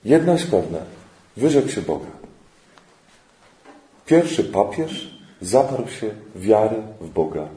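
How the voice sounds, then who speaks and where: Male preacher, unhurried storyteller voicing Bible figures, echoey hall sound. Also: on the low side. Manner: animated storytelling, acting out Bible characters' lines. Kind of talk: sermon.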